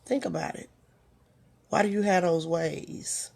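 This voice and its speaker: A woman's voice: on the low side, fairly even intonation, gravelly, darkish tone. A woman hosting her own talk, giving a reflective motivational monologue and asking the listener one rhetorical question after another. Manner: reflective, unhurried, with pauses. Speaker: host.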